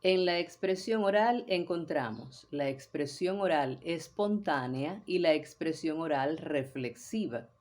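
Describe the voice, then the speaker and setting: A woman teaching a voice workshop in a measured, deliberate way, now and then acting out short examples. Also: low voice, a little mellow. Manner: measured, deliberate delivery with brief acted examples. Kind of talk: scripted instructional talk.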